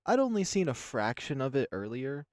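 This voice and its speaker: A man hosts a visual novel read-along, reading it aloud with casual gameplay commentary that rambles and keeps breaking into his own thoughts. His voice is mid-range, sing-song, and a little mellow at normal speed, with studio-quality sound and no room noise.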